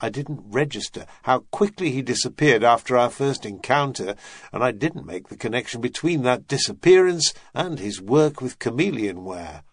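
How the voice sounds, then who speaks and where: A man's voice: mid-range voice, expressive, moderate pace, no echo, studio quality, close to an everyday voice. A man doing a weary, blunt security agent.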